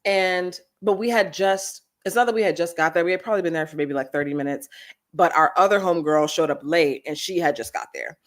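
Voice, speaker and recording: A woman, hosting a live chat show and telling casual stories with big swings in pitch. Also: a little fast. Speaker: host. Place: Los Angeles.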